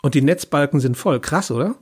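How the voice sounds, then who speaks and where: A man with a husky voice voicing a blunt, cursing young woman with colorful hair, stranded on a phone call. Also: a little high, brisk. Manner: blunt, casual, sarcastic.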